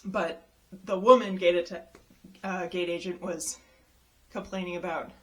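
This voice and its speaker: A woman casually telling a personal story, lively and exasperated, mimicking the people she quotes with big leaps in her voice. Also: measured pace. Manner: animated, acts out quoted people with jumps in pitch; exasperated retelling of a travel mishap.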